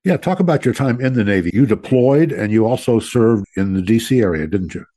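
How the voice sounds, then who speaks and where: A man's voice: fairly low pitch, expressive, fairly quick, dark tone, no room sound. A man hosting a veteran talk radio show, greeting listeners as troops and interviewing a guest in a folksy way.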